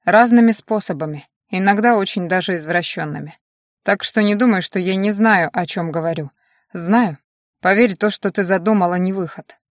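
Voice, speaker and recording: A gruff, world-weary man who grumbles his lines in a low-key, serious way, as a woman reading an audiobook puts him on. The voice sits a little lower and quieter than the reader's own. It is recorded dry and close. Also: normal speed, no room sound, close to an everyday voice. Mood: grumbling.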